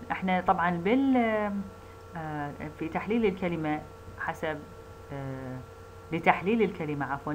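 A woman with an Iraqi Arabic accent lecturing on phonetics. She mixes Arabic and English, repeats key terms and corrects herself as she goes, speaking English slowly and Arabic quickly. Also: on the low side, a little hiss or hum, rough recording. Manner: slow, deliberate English; quick Arabic asides. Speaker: university lecturer.

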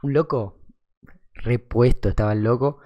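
A man's voice: mid-range voice, moderate pace, muffled recording. A young man with an Argentine accent telling a funny anecdote in slangy, swearing casual talk. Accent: Argentine Rioplatense. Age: young adult. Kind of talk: casual storytelling.

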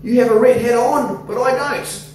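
Aussie pastor preaching, lively and coaxing, big echo in the church hall, faint hiss. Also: male voice, very high-pitched, normal speed. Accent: Australian. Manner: animated, gesturing, coaxing the congregation. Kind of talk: sermon. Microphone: handheld microphone. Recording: echoey hall, somewhat distant, faint noise.

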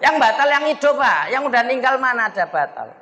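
A man's voice: extremely high pitch, sing-song, fairly quick, long reverb tail, background noise. A man preaching a humorous sermon in a mosque. He jokes with the crowd and keeps calling out to them as sir and ma'am. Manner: joking, chatty, addresses the crowd as Pak and Bu. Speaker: Islamic preacher.

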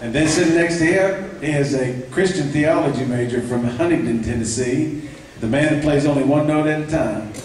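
A man introducing his vocal ensemble at a live concert, halting with fillers and light jokes. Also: fairly high pitch, darkish tone. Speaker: ensemble director introducing singers. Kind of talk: live concert emcee talk. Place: church sanctuary. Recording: echoey church, distant mic, faint noise.

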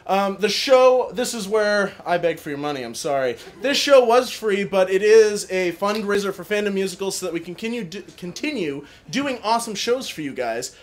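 A man's voice: high voice, expressive, normal speed, few pauses. A man giving a casual, jokey, rambling closing speech to an audience as the stage director of a show. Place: live venue with an audience.

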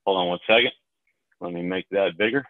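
Man, low voice, polite, easygoing, conference call presenter, tinny phone line. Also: brisk, dry recording.

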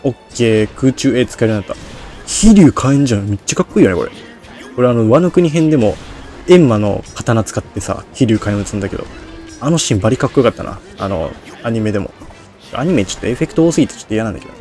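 This game streamer's Let's Play commentary is rambling and self-deprecating, his words slurred and tough to make out. His medium-pitched voice is warm and lively, moving at a quick pace over faint music.

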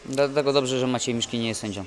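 A young man, freshly off a fight, talks through a post-fight interview in a downcast, stop-start way. He trails off and corrects himself often, at a middling pitch for a man. The recording is from a handheld mic in front of a sponsor wall at an indoor event. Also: steady tone, soft background music. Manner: dejected, halting, many restarts. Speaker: boxer. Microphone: handheld mic held by interviewer.

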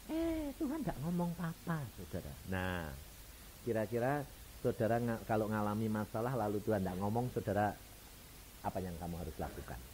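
Animated preacher man. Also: lowish voice, normal speed, a little hiss or hum, low-quality recording. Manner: animated, acts out dialogue, swings loud and soft. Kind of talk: storytelling sermon.

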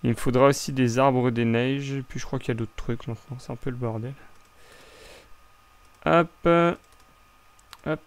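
In this Minecraft let's play, the young host speaks with a French accent, a medium pitch and a steady tone, keeping a moderate pace and pausing often. He rambles casually about his building, restarting his sentences a lot.

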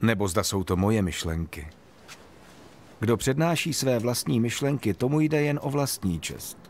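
A man voicing Jesus, solemn and measured. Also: mid-range voice, expressive, darkish tone, a little hiss or hum, lightly acted. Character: Jesus, calm authoritative male teacher. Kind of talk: Bible story narration.

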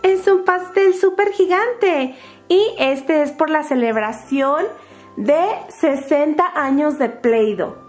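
Over background music, a high-sitting female voice with a Latin American Spanish accent hosts a kids' toy video. She's bright, sing-song and excited, narrating unboxings and crafts and calling her little viewers by diminutives.

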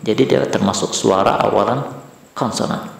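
A man's voice: fairly low pitch, moderate pace, gravelly. A man teaching an English grammar lesson, repeating and stressing key words. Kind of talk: bilingual classroom-style lesson. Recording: very echoey room.

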